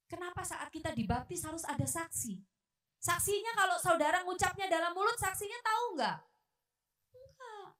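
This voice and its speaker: A woman preacher delivering a sermon in a church, animated, acting out quoted voices and swinging between loud outbursts and hushed asides. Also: very high voice. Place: church hall. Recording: echoey hall from far off.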